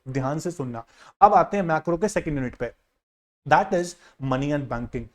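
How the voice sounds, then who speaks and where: Higher-pitched male teacher, insistent. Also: a little mellow. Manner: direct, insistent, addresses students as "yaar" and "bhai". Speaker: economics teacher. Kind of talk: casual exam-guidance lesson, screen walkthrough.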